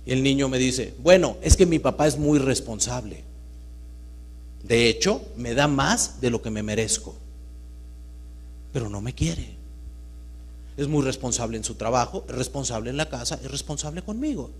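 A man giving a live talk to an audience, swinging between loud emphatic bursts and hushed storytelling. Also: medium pitch, husky. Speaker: motivational speaker. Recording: reverberant hall with mains hum.

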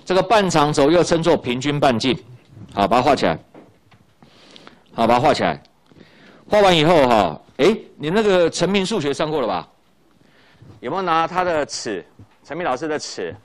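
With big swings in pitch, a normal speed and frequent pauses, a middle-aged man with a Taiwanese Mandarin accent teaches high school physics in a recorded lecture. He talks in a conversational way, sprinkling in small fillers and going back over key points.

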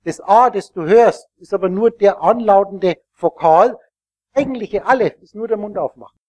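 A man's voice: sits high, moderate pace, a little mellow, no room sound. A man giving a rambling, explanatory live talk to an audience, often asking them questions as he teaches. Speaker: lecturer.

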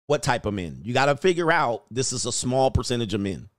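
A man's voice: mid-range voice, sing-song, brisk, a bit bright, no room sound, clean studio sound. A man hosting a casual reaction show, telling jokes in slang, acting out quotes and laughing often. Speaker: commentary channel host.

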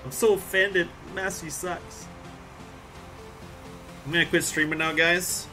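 A laid-back man chatting with his stream audience while he plays, rambling and joking along. His voice sits a bit high and comes across bright and forceful. Faint music plays behind him. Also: steady tone, brisk. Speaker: farming game live streamer. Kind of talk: casual live-stream chat with viewers.

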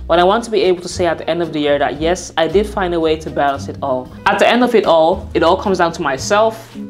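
A young woman vlogger talks straight to her viewers in a loose, candid way, circling back and fixing her words as she goes. Her voice sits unusually low for a woman, and soft music plays faintly behind her. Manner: candid, rambling, self-correcting. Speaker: vlogger and designer. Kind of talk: casual to-camera vlog talk.

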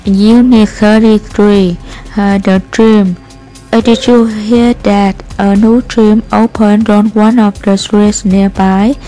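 A woman reading textbook passages aloud for listening practice, slow and careful, with frequent hesitant fillers. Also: medium pitch, level tone, mellow, soft background music, rough recording. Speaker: reader of listening practice texts.

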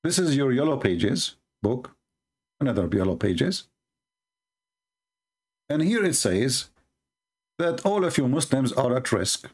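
Here the Arabic-speaking host's mid-range voice turns sing-song, a little mellow and slightly rough, moving slowly with long pauses. He still runs the heated debate, mocking and combative as he reads on-screen texts in his screen-share commentary.

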